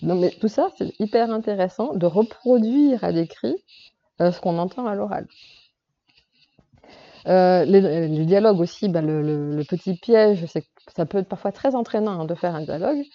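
A woman's voice: fairly low pitch, lively intonation, normal speed, dull audio. A woman novelist giving a casual talk on writing craft to a group, hesitant and full of fillers and restarts. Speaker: novelist speaking to a workshop group.

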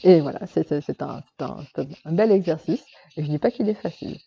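Mellow-voiced woman, hesitant and rambling. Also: low voice, a little fast, gravelly, breathy edge, highs cut off. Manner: hesitant, full of fillers and restarts. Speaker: novelist speaking to a workshop group. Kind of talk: casual talk on writing craft.

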